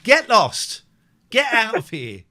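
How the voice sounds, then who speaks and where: Lively, bouncy male talk host. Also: high-pitched, slow. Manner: animated, chatty, self-mocking. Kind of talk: casual live-stream radio chat.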